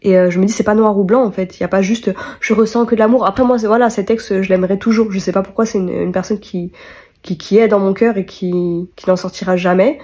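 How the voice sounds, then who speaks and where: A woman's voice: mid-range voice, steady tone, quick pace, warm tone, husky. Young woman rambling candidly to her phone. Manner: candid, rambling, many fillers and restarts. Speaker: vlogger. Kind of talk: casual vlog chat to camera. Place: walking around town, outdoors and at home.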